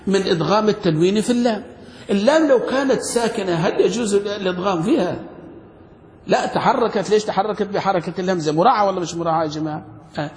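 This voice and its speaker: A man's voice: high-pitched, fast talker. A man teaches a classroom grammar lesson. He keeps asking his students questions. The sound carries a long, echoing hall reverb. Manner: quizzing students with frequent questions. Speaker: sheikh teaching Arabic grammar. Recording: echoey hall.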